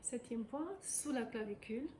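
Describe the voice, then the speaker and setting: A woman leads a guided tapping exercise in slow, calm, repeated phrases. Her voice is a touch high yet soft and mellow. The room is echoey, with a faint hum of ambience behind her. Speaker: EFT tapping practitioner.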